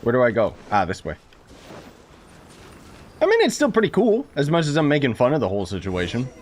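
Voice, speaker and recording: A young gaming streamer gives joking, sarcastic let's-play commentary as he plays, often bursting into exclamations. His mid-range voice swoops wildly in pitch, he talks a little fast, and game music plays in the background.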